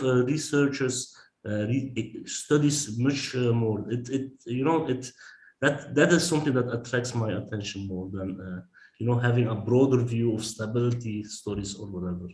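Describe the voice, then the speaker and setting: A man's voice: medium pitch, lively intonation, moderate pace, darkish tone. Turkish-accented man in an echoey room. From Belgium. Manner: thoughtful and explanatory, with frequent "you know". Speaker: guest researcher. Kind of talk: conversational academic interview.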